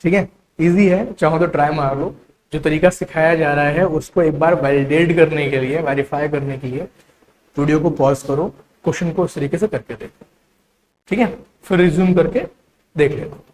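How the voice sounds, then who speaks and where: High-voiced patient male maths teacher. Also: steady tone, normal speed, a little mellow, slight background noise, poor audio. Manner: patient, explains step by step with frequent "theek hai". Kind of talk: online exam-prep maths lesson.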